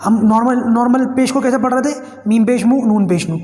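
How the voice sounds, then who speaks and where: A man teaching Quran reading, drawing out each syllable in slow spelling drills between quick explanations. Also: extremely high pitch, mellow, reverberant, big-room sound. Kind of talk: spelling lesson for learners.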